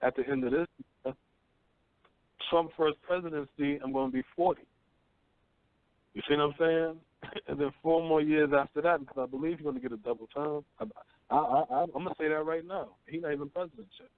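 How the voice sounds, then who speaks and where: Heard over a tinny phone line, this thirty-something radio host has a slightly high voice, fairly even intonation, and a fairly quick delivery in a dry recording. His casual call-in talk is blunt and profane, full of preaching and frequent "you know what I'm saying" checks.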